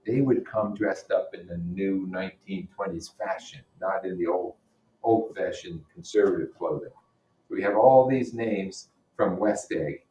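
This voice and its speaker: A low-voiced man with a darkish tone reads a novel aloud to listeners, adding explanatory comments and posing rhetorical questions as he teaches. The echoey room and distant microphone give the recording a roomy echo.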